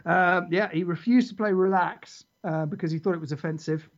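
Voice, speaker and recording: A man's voice: high voice, fairly quick. Chatty man, lo-fi dull recording, rambling banter. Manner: jokey, rambling, reads lyrics aloud with laughs. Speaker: podcast co-host. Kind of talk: casual chat. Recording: dull lo-fi podcast audio.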